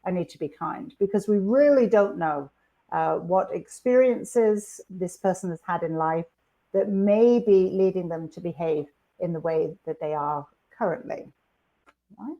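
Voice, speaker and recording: A woman's voice: fairly low pitch, measured pace, dark tone. Upbeat woman presenting a webinar. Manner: chatty, upbeat, with frequent fillers and restarts. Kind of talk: live online workshop presentation.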